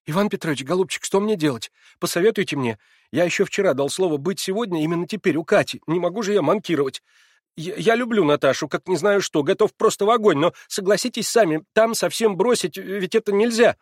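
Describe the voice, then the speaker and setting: A man's voice: sits high, brisk, no room sound, studio quality, voice pushed up. A man reading a novel aloud, voicing an eager, impulsive young man in love who gushes and pleads. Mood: pleading. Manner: breathless, gushing, pleading. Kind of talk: audiobook character voice.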